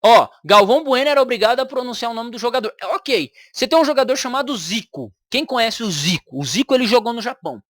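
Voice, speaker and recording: A woman's voice: a little high, expressive, fast talker, hardly any pauses, dry recording, studio quality. A woman with a Brazilian Portuguese accent, giving argumentative reaction commentary on a video and repeating her points for emphasis.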